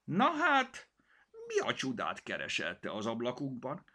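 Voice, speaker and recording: A man's voice: medium pitch, wildly swooping pitch, sharp tone, voice pushed up, full character voice. A man voicing a proud, possessive house cat that talks in a bossy, huffy way. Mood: haughty, possessive.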